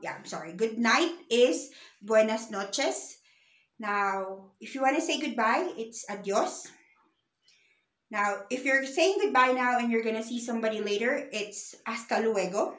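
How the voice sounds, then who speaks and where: A woman with a fairly high voice leads a beginner language lesson and speaks slowly and patiently. She spells out letters and sounds one by one. The recording has the roomy echo of a bare space. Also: fairly bright tone. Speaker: language teacher. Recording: echoey room.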